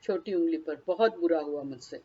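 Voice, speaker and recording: A woman's voice: low-pitched, moderate pace, mellow, breathy edge, muffled recording. A woman leading a guided tapping session, naming each body point and then speaking a short first-person phrase for the listener to repeat.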